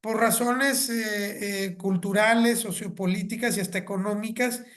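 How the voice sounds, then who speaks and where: Mexican lady teaching a grad class over video call, super conversational, lots of little examples and asides, mid pitch. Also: steady tone, moderate pace. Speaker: lecturer. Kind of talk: online graduate lecture.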